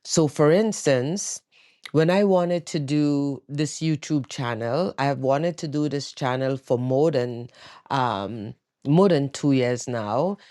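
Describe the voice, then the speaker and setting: A woman vlogger talking reflectively from her bed at home, worn out and tired in her voice, pausing often to search for words. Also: very deep voice, dark tone, no echo, clean studio sound. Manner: slow, searching, pauses often with um. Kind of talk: reflective personal talk.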